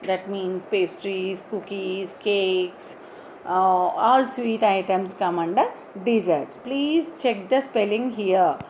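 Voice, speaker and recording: Slow, patient woman teaching spelling. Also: mid-range voice, darkish tone, slight background noise, poor audio. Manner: slow, repeats and spells out words. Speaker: English teacher. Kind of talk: online spelling lesson.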